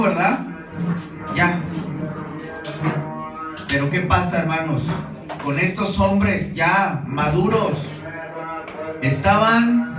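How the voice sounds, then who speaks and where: A high-voiced man preaches to his congregation. He talks in a relaxed, conversational way, asking questions and repeating "brothers." The sound is roomy and distant, with music in the background. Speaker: pastor. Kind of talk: sermon. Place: church hall. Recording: roomy echo, distant mic, music behind.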